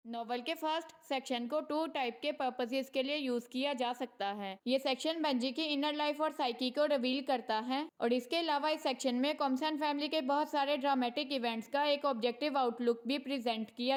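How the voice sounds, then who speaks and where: A woman explaining a novel in a literature lecture, reading definitions slowly. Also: sits high. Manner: explains in Hindi, then reads English definitions slowly. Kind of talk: read-aloud lecture explanation.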